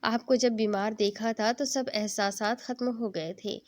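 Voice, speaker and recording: A sweet, teary young bride, pleading and affectionate, read by a woman in her own fairly high voice. A storybook reading with gentle, coaxing delivery. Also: fairly even intonation, lightly acted.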